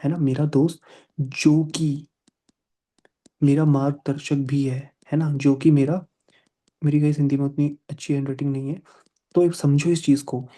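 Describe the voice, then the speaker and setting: A man's voice: a little high, little pitch movement, normal speed, pauses often, warm tone. A man teaching an online English grammar class. He mixes English into his explanations and voices his students' questions.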